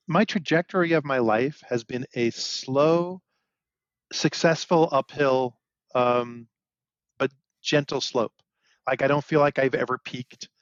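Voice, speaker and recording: A man's voice: mid-range voice, no echo, lo-fi sound. A man in his forties co-hosting a podcast, chatting casually with dry jokes. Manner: joking, dry asides. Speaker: podcast co-host. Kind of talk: casual chat.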